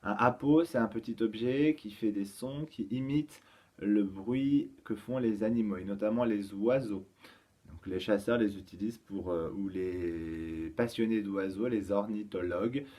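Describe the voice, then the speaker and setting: A man's voice: lowish voice, dark tone. Patient male teacher talking to kids. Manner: patient, explains slowly with many fillers. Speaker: kindergarten teacher. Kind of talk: home-schooling lesson for young children.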